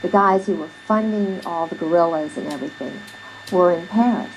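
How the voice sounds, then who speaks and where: A woman talking casually and hesitantly, with many pauses. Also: lowish voice, a little hiss or hum, low-quality recording. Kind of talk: casual talk.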